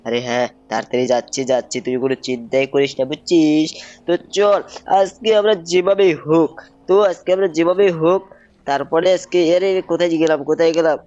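A young man giving excited gameplay commentary, repeating himself and calling out to viewers. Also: fairly high pitch, brisk, lo-fi sound. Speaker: gaming YouTuber.

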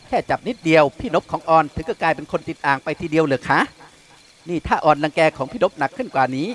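Male reader doing a coy young woman, soft and teasing, audiobook. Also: a little high, lively intonation, quick pace. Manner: soft, teasing, slightly slurred. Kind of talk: audiobook character voice.

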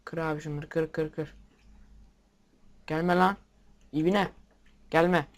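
A young man giving casual game commentary, excitable, swearing at the game and talking to his viewers. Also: fairly high pitch, slow. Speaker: gameplay video maker. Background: keyboard and mouse clicks.

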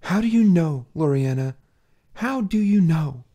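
A man's voice: sits high, lively intonation, normal speed, warm tone, voice pushed up. A man doing a dazed, despairing woman director. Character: shaken woman director, stunned and bitter.

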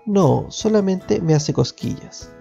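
Guy voicing a gentle mom, dark gravelly tone, soft music behind. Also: sits high, animated, takes it slowly, lo-fi sound, voice pushed up, exaggerated voice. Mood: tender. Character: gentle smiling mother. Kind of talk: storybook reading.

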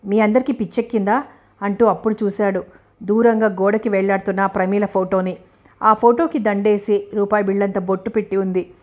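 A woman narrates a novel for an audiobook. Her voice sits in a middle pitch, and her reading is steady and measured.

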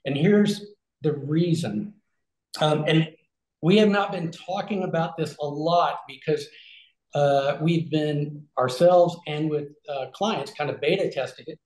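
A man's voice: a little high, measured pace, a little mellow. A man in his forties on a video call from a small room, explaining things in a conversational way with many fillers and restarts. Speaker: regenerative health concierge. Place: small room with shelves, indoors. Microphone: video call webcam. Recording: echoey room.

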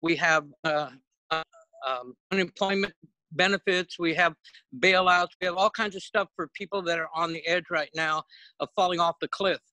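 A middle-aged man, a houseless advocate, speaking haltingly and earnestly with many fillers over a video call that breaks up. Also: on the high side, pushed and bright, no room sound, poor audio. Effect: heard over a video call that breaks up. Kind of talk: panel remarks on a video call. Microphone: dialed in remotely.

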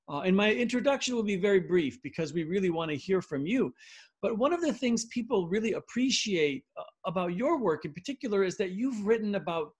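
A man's voice: sits high, husky. An older man introducing a scholar and asking questions over a video call, gracious and hesitant with many restarts. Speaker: interviewer. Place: home study lined with bookshelves.

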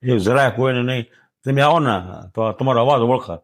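An older man, talking in an emotional interview, soft and halting, often trailing off quietly. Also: medium pitch. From Gujarat, India. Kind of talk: emotional interview, plain talk.

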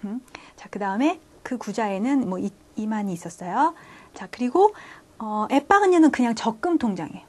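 A woman with a slightly high voice teaches a French class in Korean. She works through the phrases one at a time, pausing on fillers, and slows down whenever she reads the French aloud. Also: animated, husky. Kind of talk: classroom lecture.

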